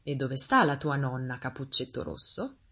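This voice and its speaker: A woman voicing a sly, soft-spoken male wolf in a fairy tale, talking low and coaxing. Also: big pitch swings, moderate pace, slightly rough, full character voice.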